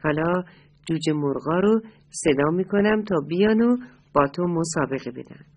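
A woman's voice: fairly low pitch, animated. A woman doing an eager little rooster chick.

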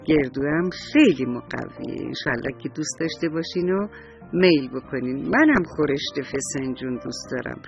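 Gentle man telling a bedtime story. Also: medium pitch, expressive, creaky, highs cut off, faint music behind. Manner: gentle and affectionate, talking straight to the children. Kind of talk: children's bedtime story narration.

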